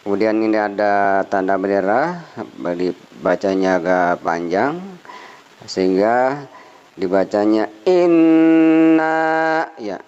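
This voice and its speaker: A man teaching Quran recitation, chanting verses in a slow, drawn-out way and explaining the rules hesitantly, with many fillers, repeating each word to model how it is said. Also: low-pitched, darkish tone, clear, resonant tone. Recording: dull lo-fi recording.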